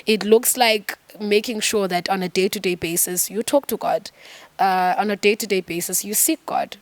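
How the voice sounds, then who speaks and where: A young South African woman speaks with earnest, sermon-like conviction as a guest in a podcast studio. Her voice sits at an ordinary pitch for a woman, close and dry with almost no room sound. She talks openly and from the heart. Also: steady tone, moderate pace, no room sound. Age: young adult. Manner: earnest, preachy testimony. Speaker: gospel singer guest. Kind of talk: candid podcast interview.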